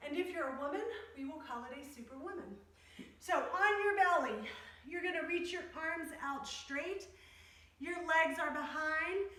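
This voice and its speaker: A woman's voice: high-pitched, normal speed, bright, forceful tone. A woman fitness instructor leading an exercise class, giving step-by-step cues and counting reps in short phrases. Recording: very echoey room, distant microphone.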